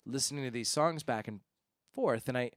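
A man's voice: mid-range voice, moderate pace, no room sound, clean studio sound. A man co-hosting a podcast about an album, talking it through thoughtfully and often restarting his sentences. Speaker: podcast co-host. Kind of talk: casual music discussion.

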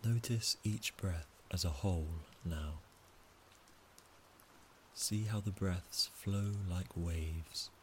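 A man calmly leading a guided breathing meditation, speaking softly and counting out each breath. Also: low voice, slow, pauses often, slight background noise. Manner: calm, soft, counting out breaths. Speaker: relaxation guide.

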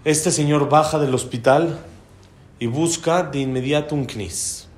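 A man's voice: on the high side, measured pace. A man, a religious teacher telling a heartfelt, emphatic story in a sermon. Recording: roomy hall with faint background ambience.

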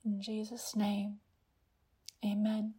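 Soft, slow, breathy woman guiding sleepy meditation. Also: mid-range voice, monotone. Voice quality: soft, breathy, partly whispered. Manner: hushed, gentle, unhurried delivery with long pauses. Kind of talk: soothing guided meditation, like a sleep story narrator.

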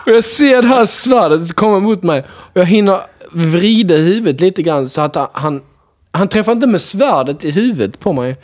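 A young man casually telling a chaotic story to friends, animated, laughing often and swearing freely. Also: sits high.

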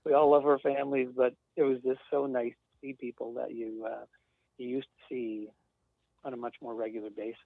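A man's voice: mid-range voice, little pitch movement, a little fast, creaky, no echo. A man talking casually as a guest, rambling with fillers and light chuckles. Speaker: industry sales rep, guest. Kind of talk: casual conversation. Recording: dry, tinny phone-line sound.

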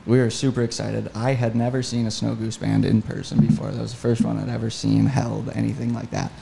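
A hunting guide on a podcast tells a story in a casual, enthusiastic, animated way. His voice is gravelly and on the low side, and he talks a little fast. There is slight background noise.

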